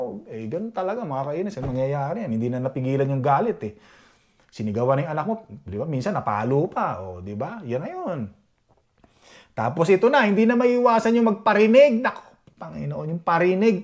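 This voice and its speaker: A man from the Philippines, a vlogger, chatting casually to his viewers and often asking "di ba?" to check they agree. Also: a little high. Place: Edmonton, Canada.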